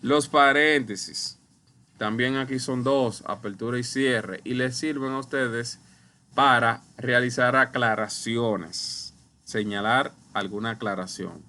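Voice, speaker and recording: A man teaching a recorded online lesson over slides, explaining slowly and deliberately, speaking straight to his viewers. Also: medium pitch, fairly even intonation, sharp tone. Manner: slow, deliberate explaining, addresses viewers as ustedes. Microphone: computer mic while writing with a mouse.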